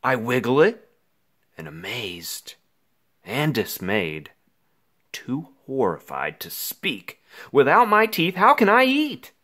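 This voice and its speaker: Slow and full of dramatic pauses, a man's reading of a rhyming picture book casts him as an anxious little boy of five, melodramatically narrating his woes. The performance is wildly animated and theatrical, with pitch that leaps up and down.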